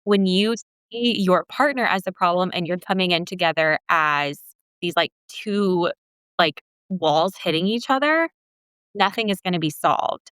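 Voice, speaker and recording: A woman in her twenties, a podcast co-host and couples counselor, talking in a casual, animated way with lots of "like.". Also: on the low side, unhurried, smooth, no room sound. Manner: animated, fills speech with "like".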